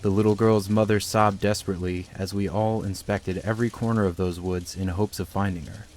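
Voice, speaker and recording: Man voicing a grim, deep-voiced village storyteller. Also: steady tone, a little fast, darkish tone, natural voice. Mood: grave. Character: grim village man recounting a horror tale. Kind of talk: scripted horror game narration.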